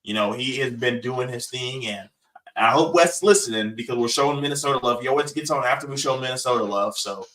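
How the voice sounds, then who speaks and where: A man's voice: mid-range voice, fairly quick, fairly bright tone, far from the mic, slight background noise, rough recording. A man hosting a casual sports podcast, confident and pressing his guests for answers. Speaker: podcast host.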